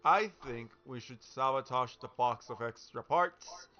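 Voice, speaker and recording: A man's voice: mid-range voice, a little slow, pushed and bright. A man playing a tabletop game, thinking aloud as he schemes and reads out rules. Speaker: player. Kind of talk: casual tabletop chat. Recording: dull lo-fi voice chat with faint music.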